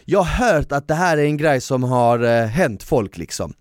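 A man co-hosting a podcast, chatting casually and telling stories in a lively way, dropping in English phrases. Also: medium pitch, slight background noise. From southern Sweden. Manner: animated storyteller, slangy, mixes in English phrases. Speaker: podcast co-host. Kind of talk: casual chat.

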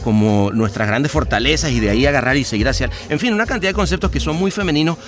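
A man's voice: medium pitch, expressive, fast talker, a bit bright. A man with a Venezuelan accent, a podcast guest talking in a reflective, rambling way with many restarts. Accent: Venezuelan Spanish. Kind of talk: casual conversation.

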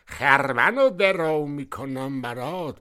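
An actor voicing a big, slow male cow in a children's audio story, plaintive and hurt. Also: medium pitch, lively intonation, bright, forceful tone.

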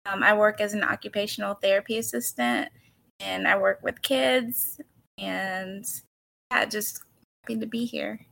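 A woman in her thirties, born in the Philippines, a podcast guest speaking hesitantly with pauses and ums. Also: mid-range voice, fairly even intonation, vocal fry, a bit bright. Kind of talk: casual chat.

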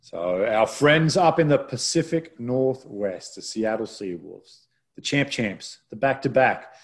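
A man hosting a casual news roundup, relaxed and rambling, with frequent restarts and fillers. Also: mid-range voice, a little slow. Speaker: podcast host.

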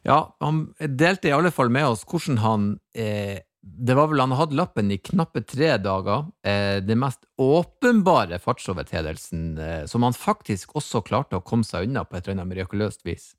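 A man's voice: on the low side, expressive, dry recording, studio quality. A male podcast host in casual chat, upbeat and introducing guests and clips.

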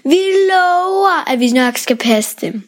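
A man voicing an excited little girl who keeps pleading for a pet. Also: very high-pitched, voice pushed up. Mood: eager.

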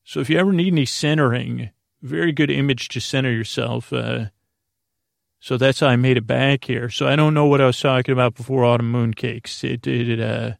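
Recorded close and dry, this podcast host's creaky, gravelly voice carries a bedtime monologue in a steady tone. He rambles haltingly, often stammers over words, and breaks off to correct himself, keeping the whole thing droning and low-stakes.

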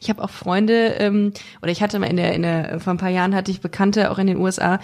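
A young woman hosting a casual interview, thinking aloud in a halting, informal way. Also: medium pitch, little pitch movement, darkish tone. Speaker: podcast host interviewing.

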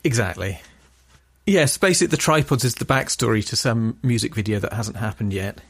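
A man's voice: fairly low pitch, brisk, breathy edge, no room sound, clean studio sound. Wry chatty man from England. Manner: wry, chatty, laughs often. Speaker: podcast co-host. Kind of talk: casual chat.

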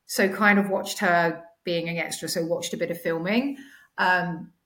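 Echoey, slightly croaky woman chatting. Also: on the low side, steady tone, a little slow, fairly bright tone. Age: 40s. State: slight sore throat. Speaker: podcast guest, finance executive. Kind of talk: casual interview chat. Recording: echoey home recording.

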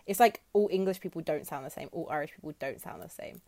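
A woman's voice: low voice, quick pace, dark tone. A woman co-hosting a casual podcast chat, dry and self-deprecating, laughing often. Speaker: podcast co-host.

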